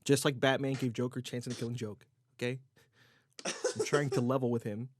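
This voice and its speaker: A man's voice: mid-range voice, flat delivery, a little fast, background noise. A man hosting a casual podcast chat, joking and laughing often, rambling with restarts. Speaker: podcast host.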